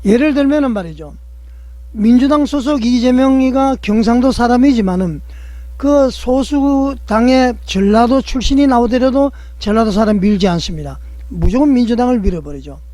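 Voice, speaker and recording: Man, very high voice, dark mellow tone, dry sound, rhetorical political commentary. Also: moderate pace, dry recording. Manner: rhetorical, keeps asking the audience questions; repeats a stretched filler between phrases.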